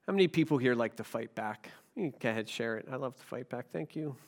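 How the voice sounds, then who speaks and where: Speaking quickly and with animation in a mid-range voice, a pastor gives a conversational sermon to his congregation. He puts questions to the room and alternates between loud emphasis and quiet asides.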